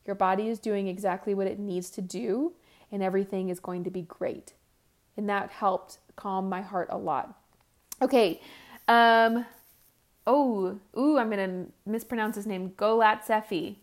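Speaking unhurriedly in a steady, mid-range voice, a podcast host in her thirties answers listener questions on her solo show. She's candid and chatty, often restarting sentences and poking fun at herself.

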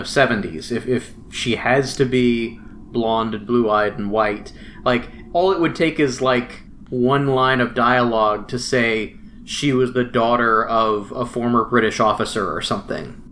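A man's voice: medium pitch, unhurried, fairly bright tone. Regular-voiced guy chatting comics, keeps restarting, little bit of hiss behind. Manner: chatty, with frequent restarts and many "mm-hmm"s. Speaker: podcast co-host. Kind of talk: casual chat about comics.

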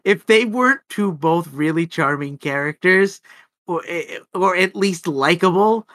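A man's voice: high-pitched, lively intonation, measured pace, fairly bright tone. A man co-hosting a film podcast, chatting animatedly with stammering restarts. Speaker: podcast co-host. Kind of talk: casual film podcast chat.

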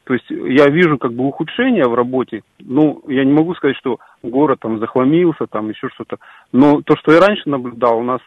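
Male radio caller, heard through a dull phone line, halting, lots of fillers. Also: mid-range voice, dry recording. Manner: hesitant, many fillers and restarts. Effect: heard over a phone line. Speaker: radio call-in listener. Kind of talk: casual call-in opinion. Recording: muffled phone line, dry.

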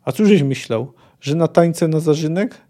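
A coarse, gruff squad leader with rough, old-fashioned soldier's talk, as a man reads his lines. The voice is fairly high and mellow. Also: expressive, normal speed, natural voice. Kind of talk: book reading aloud.

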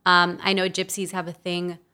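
A woman's voice: lowish voice, monotone, moderate pace, pushed and bright, clear, resonant tone. A woman co-hosting a casual chat, explaining things and asking follow-up questions. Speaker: podcast co-host.

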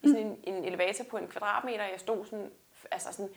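A woman's voice: medium pitch, fairly even intonation, vocal fry. A woman weightlifter talking earnestly and reflectively in a casual interview, often restarting her sentences. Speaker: guest weightlifter.

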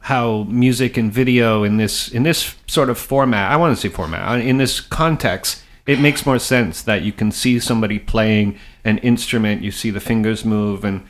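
A man's voice: fairly low pitch, normal speed, hardly any pauses. A man hosting a casual interview in a living room, speaking in an effusive, enthusiastic manner. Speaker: show host interviewer.

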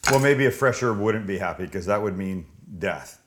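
Man, low voice, cooking show host, chatty and opinionated, casual step-by-step demo, noisy kitchen with clattering dishes. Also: animated, normal speed. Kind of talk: casual cooking demonstration, talking viewers through steps. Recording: clear background noise with kitchen clatter.

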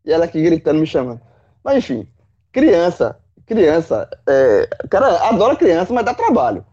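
A man, a football pundit in casual chat, animated, swearing and full of folksy analogies. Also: on the high side, normal speed, slightly rough, highs cut off. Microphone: remote call.

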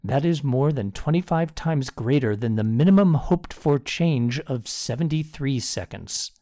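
American male science reporter; soft-edged warm tone, mid pitch, scripted delivery. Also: lively intonation, a little slow. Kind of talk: scripted science news narration.

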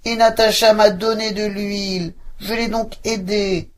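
A rusty iron gate from a storybook, murmuring its reproach slowly, as a woman voices it. Pitched above the reader's own low voice. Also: fairly even intonation, close to an everyday voice. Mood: reproachful. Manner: murmured, slow.

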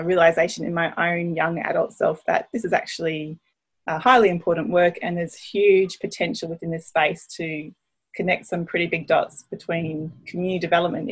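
An Australian woman in her thirties, a podcast guest chatting casually and enthusiastically, laughing often. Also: on the low side. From Brisbane, Australia. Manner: enthusiastic, laughs often, thinks aloud with fillers. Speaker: guest, permaculture designer.

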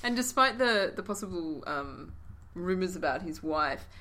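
A woman's voice: fairly low pitch, expressive, moderate pace, sharp tone. A woman co-hosting a casual history podcast, talking in a playful, dryly humorous way. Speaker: podcast co-host.

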